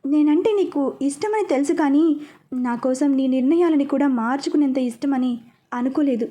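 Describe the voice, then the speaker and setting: A woman's voice: high-pitched, normal speed, warm tone, close to an everyday voice. A woman voicing an affectionate young bride thanking her new husband in a read-aloud story. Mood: tender.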